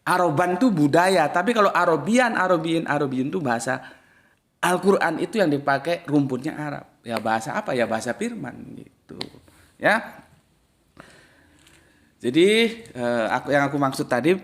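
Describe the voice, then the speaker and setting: An Islamic studies teacher, a man, delivers an informal religious lecture; his speech is slangy and direct, leaping between forceful loud bursts and mumbled low asides.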